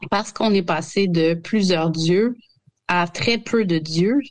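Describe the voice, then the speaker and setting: A woman's voice: on the low side, takes it slowly. A woman, a historian guest on a radio show, talking casually while sick with bronchitis, hesitant with many fillers and restarts.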